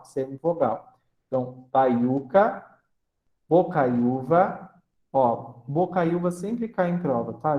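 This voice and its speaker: A man teaching a grammar lesson, explaining slowly and splitting words into syllables, often checking in with the class. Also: fairly high pitch, darkish tone, reverberant. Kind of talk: grammar lecture.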